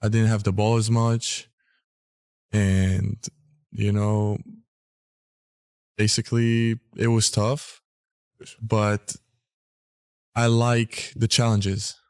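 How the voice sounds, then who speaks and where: A young man from Israel answers questions as an interview guest. His voice sits somewhat low and his speech is relaxed and filled with casual fillers. The sound is dry, close and without echo. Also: very slow, long pauses, smooth. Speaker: guest athlete.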